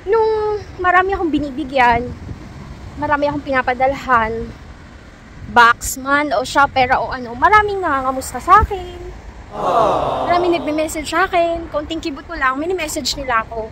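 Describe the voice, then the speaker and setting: A woman's voice: sits high, lively intonation, normal speed, a bit bright, slight background noise. A young Filipina woman vlogging in a chatty, storytelling way, laughing often as she talks to her viewers. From Philippines. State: sick, low and tired. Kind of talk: casual chat to viewers. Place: outdoors in cold weather.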